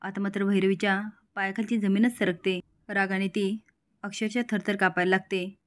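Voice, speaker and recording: A woman recaps a serial episode in a steady, plain narrating manner. Her voice is pitched in the middle range. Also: moderate pace.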